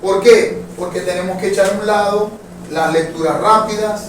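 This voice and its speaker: A man's voice: sits high, fairly even intonation, moderate pace. Man teaching a church class, echoey hall. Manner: conversational, addresses listeners as brothers, asks for agreement often. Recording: very echoey hall, distant mic, faint noise.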